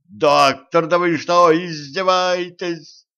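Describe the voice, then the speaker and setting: A man voicing a panicky, indignant man who shouts and whines in disbelief, in a dull lo-fi recording. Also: medium pitch, expressive, takes it slowly. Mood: yelling, furious. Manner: shouting, whining, outraged.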